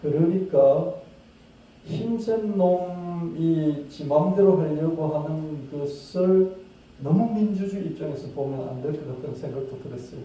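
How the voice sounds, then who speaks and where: A man preaching a sermon as pastor, talking conversationally, asking his listeners questions, and acting out hushed pleading prayers. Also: a little high, unhurried. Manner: conversational, asks the congregation rhetorical questions. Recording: distant, very echoey dull-sounding room.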